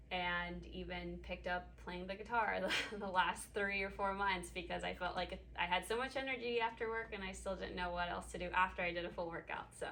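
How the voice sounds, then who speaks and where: A young woman from Ecuador speaks in a bright, forward voice that sits a little low. She pauses often with ums as she talks. Faint background noise is under her voice. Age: 20s. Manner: hesitant, many ums. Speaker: patient. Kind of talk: casual interview. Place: clinic room.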